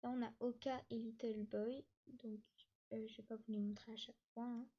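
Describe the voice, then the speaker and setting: A woman giving a casual tour of her game world, talking quickly with lots of hesitations and restarts, sometimes short of breath. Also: a little high, level tone, slightly rough, highs cut off. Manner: hesitant, many fillers and restarts; talks fast, says she struggles to catch her breath. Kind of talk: casual gameplay tour narration.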